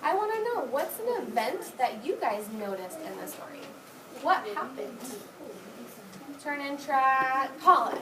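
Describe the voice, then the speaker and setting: Reading aloud to young children in her classroom, a woman teacher gives brief directions and praise at a measured pace. Her voice sits high with lively intonation, and the recording is distant and roomy, with clearly audible background noise.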